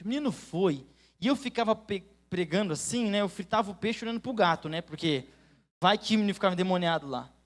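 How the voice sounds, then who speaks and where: Earnest Brazilian pastor preaching. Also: male voice. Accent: Brazilian Portuguese. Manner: earnest storytelling, swings between loud emphasis and hushed low tones. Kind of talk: sermon with personal story. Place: church.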